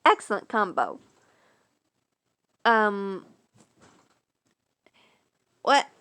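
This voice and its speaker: A woman narrating a first-person fan story in a casual, unpolished way, with fillers and cleared throat. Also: mid-range voice, sing-song, very slow, fairly bright tone.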